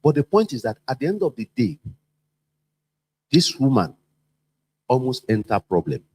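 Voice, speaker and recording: A man's voice: mid-range voice, moderate pace, breathy edge. A man giving a workplace training talk, repeating himself and acting out the people he quotes. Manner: animated, repetitive, acts out quoted voices.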